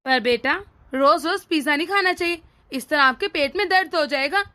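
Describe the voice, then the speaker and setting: A woman's voice: high voice, normal speed. A woman playing a meek young bride. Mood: gentle. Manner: soft-spoken, pleading. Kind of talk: cartoon voice acting.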